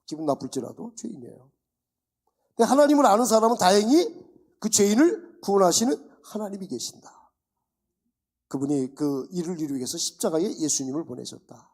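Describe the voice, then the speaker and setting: A male pastor delivering a sermon in a high, husky voice with plenty of gravel. He keeps throwing rhetorical questions at the congregation in an animated, lively way. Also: fairly quick. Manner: animated preaching with rhetorical questions and acted-out dialogues. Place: church.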